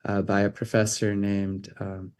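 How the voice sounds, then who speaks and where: A man's voice: lowish voice, completely flat delivery, unhurried, a little mellow, smooth. A man in his thirties from California, answering interview questions about his career in a casual, hesitant way with many ums and restarts. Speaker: interview guest, optics researcher.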